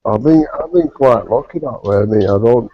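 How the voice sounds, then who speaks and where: A man's voice: medium pitch, lively intonation, moderate pace, husky, no room sound. A man hosting a casual online group chat, rambling with fillers and swearing. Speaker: host of an online chat show. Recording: lo-fi, dry online call audio.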